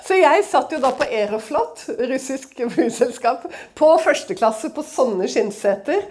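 A woman's voice: sits high, lively intonation, darkish tone. A woman speaking at a church, telling a personal testimony as a dramatic, chatty story full of conversational fillers.

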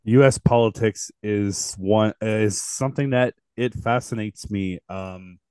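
Halting male podcast host, dry sound. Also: on the low side, darkish tone, clean tone, no echo. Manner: halting, repeats words. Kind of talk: casual political chat.

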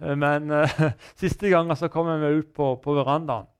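A man's voice: on the high side, steady tone, smooth. Earnest man telling his testimony. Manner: earnest, halting, many restarts. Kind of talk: personal testimony interview.

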